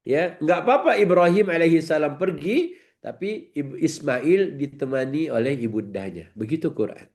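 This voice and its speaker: A man preaching a lively sermon in a joking manner, acting out quick slangy exchanges. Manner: animated, jokey, acts out slangy dialogue in a high voice.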